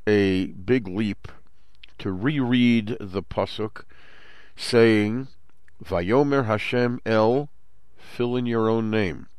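Slow, smooth-voiced older New man. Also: fairly low pitch, no room sound. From Brooklyn, New York. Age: 60s. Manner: measured, explanatory, with Hebrew terms. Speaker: host. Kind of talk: Torah commentary talk.

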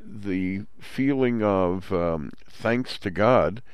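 Slow, smooth-voiced older New man. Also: fairly low pitch, dry recording. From Brooklyn, New York. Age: 60s. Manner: measured, explanatory, with Hebrew terms. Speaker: host. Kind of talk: Torah commentary talk.

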